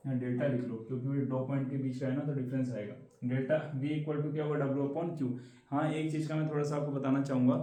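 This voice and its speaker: Standing at a board in a very echoey room, a man whose voice is on the high side with a dark tone runs a casual exam-prep science lesson. He chats easily and echoes students' questions back to them.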